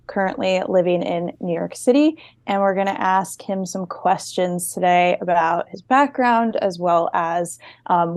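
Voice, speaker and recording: A young woman hosting an interview as co-founder, upbeat and playful, quick to joke with her guests. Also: medium pitch, a little mellow, dry recording. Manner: upbeat, playful, laughs easily. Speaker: host, co-founder.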